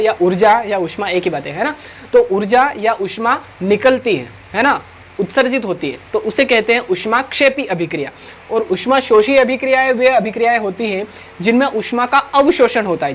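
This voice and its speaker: A man's voice: high-pitched, fairly bright tone, slight background noise. Man teaching, with constant "right?" checks. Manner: asks rhetorical questions and answers them, with constant "right?" check-ins. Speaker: chemistry teacher. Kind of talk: online classroom lecture.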